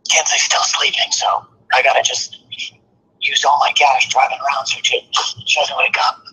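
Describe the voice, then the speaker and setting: A man calling in on speakerphone, talking in a loud hoarse whisper so he won't wake a sleeping child. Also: mid-range voice, level tone, moderate pace. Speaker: caller, friend of the host. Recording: tinny phone line.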